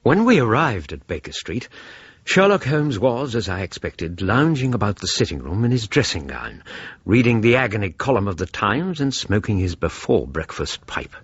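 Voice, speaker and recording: A genial Victorian English gentleman doctor in a radio play. His voice is fairly low and husky, courteous and reassuring in both dialogue and storytelling. The sound is a little dull. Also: big pitch swings, normal speed, full character voice. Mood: genial, narrating. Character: kindly, brisk Victorian gentleman doctor and narrator. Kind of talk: radio drama acting and narration.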